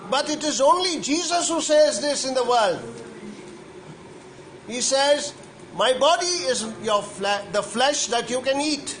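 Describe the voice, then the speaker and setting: A man's voice: extremely high pitch, lively intonation, fairly bright tone, a little hiss or hum, low-quality recording. A priest giving a homily to children, asking them question after question and repeating himself as he goes. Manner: slow, questioning, repeats questions to young listeners. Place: church.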